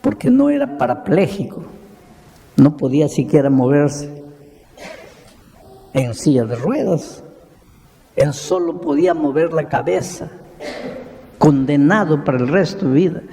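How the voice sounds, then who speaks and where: A man preaching a sermon as a pastor, telling a story slowly and dramatically with repeated lists and rhetorical questions. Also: a little high, lively intonation, warm tone, long reverb tail.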